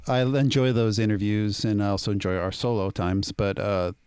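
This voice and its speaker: A man's voice: lowish voice, steady tone, moderate pace, darkish tone, clean tone, no room sound. A man co-hosting a podcast in casual chat who jokes, laughs often and swears freely. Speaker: podcast co-host.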